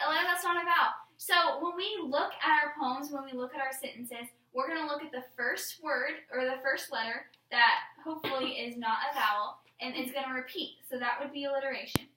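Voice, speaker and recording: A woman's voice: high voice, pushed and bright. A woman teacher leading a classroom lesson, explaining patiently step by step. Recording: roomy classroom, mic far off.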